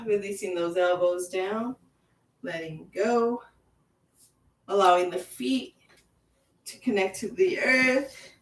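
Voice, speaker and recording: Slow, soothing woman leading chair yoga. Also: medium pitch. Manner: slow, soothing guided cues with repeated phrases. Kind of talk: guided yoga class with visualization. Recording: echoey room, voice from far off.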